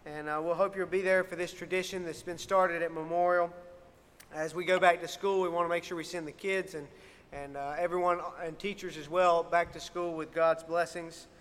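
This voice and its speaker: Male youth minister, upbeat and informal, high-pitched, giving announcements in a reverberant church hall. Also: fairly even intonation, normal speed, a bit bright. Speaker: youth minister and worship music helper. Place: church sanctuary, amplified. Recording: echoey hall with long reverb.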